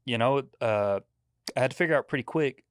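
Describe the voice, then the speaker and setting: A man's voice: mid-range voice, fairly quick, clear, resonant tone, no room sound, clean studio sound. A man in his forties, a podcast guest chatting casually, who tells rambling stories and laughs often. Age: 40s. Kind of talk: casual chat.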